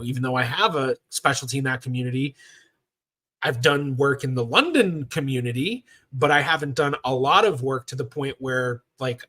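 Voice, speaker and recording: A man's voice: mid-range voice, sharp tone. A man in his thirties, a professional genealogist hosting a casual livestream Q&A, talking in a chatty, rambling way with lots of fillers. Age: 30s.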